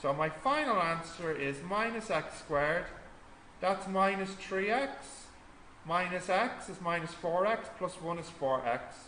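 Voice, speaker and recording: A man's voice: high-pitched, expressive, unhurried, bright, forceful tone. A man tutoring a maths class, explaining step by step and quizzing students as he goes. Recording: echoey classroom with faint noise.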